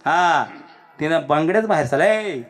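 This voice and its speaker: Animated Marathi kirtan preacher, high voice. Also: male voice, moderate pace. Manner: animated, shifts between shouting and hushed lines, acts out characters. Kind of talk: devotional kirtan sermon with storytelling.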